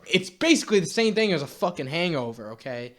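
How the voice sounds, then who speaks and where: A man's voice: on the high side, sing-song, fast, a bit bright. A young man delivering a blunt, exasperated rant to camera, swearing casually as he lectures viewers. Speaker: YouTube commentator.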